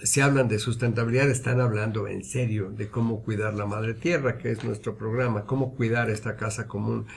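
A man's voice: on the low side, fairly even intonation, a little fast, gravelly, few pauses, a little hiss or hum. A man speaking as a university guest on a radio program, earnest and emphatic, building his points through repetition. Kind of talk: reflective radio interview talk.

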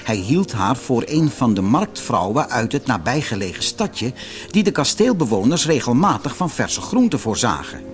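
A man reading a fairy-tale audiobook in an expressive, theatrical storytelling manner. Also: mid-range voice, moderate pace, faint music behind. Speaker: narrator.

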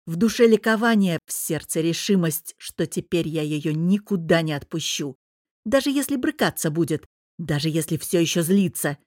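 Woman audiobook narrator, low voice, steady reading, dry close sound. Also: no room sound.

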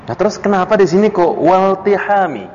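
A man teaches a classical Arabic text to a study circle at a moderate pace, quizzing students by name, chuckling between points and jumping animatedly in pitch. The audio is dull and lo-fi in a reverberant room, with a little hiss or hum.

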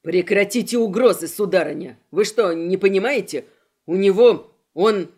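A woman voicing a panicky, pompous young male mage who shouts in frantic bursts. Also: lowish voice, animated, moderate pace, pitched below the performer's own voice, natural voice. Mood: frantic, indignant.

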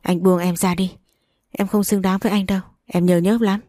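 A woman's voice: mid-range voice, level tone, normal speed, mellow, dry recording, studio quality, lightly acted. A woman voicing a heartbroken young bride in a storybook reading, speaking through tears. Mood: despairing. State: crying.

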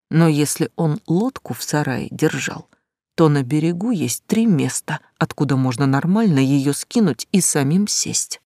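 A narrator voicing an old village watchman who talks slowly in a folksy, unhurried way. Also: medium pitch, gravelly, darkish tone, no room sound, studio quality. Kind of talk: audiobook character reading.

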